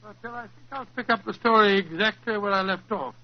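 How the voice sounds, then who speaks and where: A man's voice: high voice, fairly quick, lightly acted. A man playing an earnest, fussy English doctor, the loyal companion of a detective, in a 1940s radio drama. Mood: solemn storytelling. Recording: muffled, noisy old 1940s radio recording.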